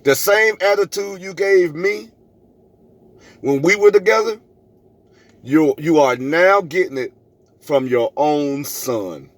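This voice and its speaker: This middle-aged vlogger speaks slowly in a fairly high voice, pausing often, as he tells a personal story to camera. Emphatic and preachy, he repeats phrases for effect and re-enacts both sides of arguments. There's no echo.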